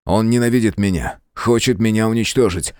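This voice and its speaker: A man voicing an indignant, determined gentleman scholar in an audiobook. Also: lowish voice, brisk, clean tone, no room sound, studio quality, lightly acted. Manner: indignant, heated.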